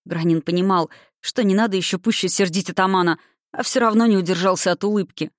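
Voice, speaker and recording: A reader narrating a historical romance audiobook in a measured, expressive way. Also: medium pitch, dry recording, studio quality.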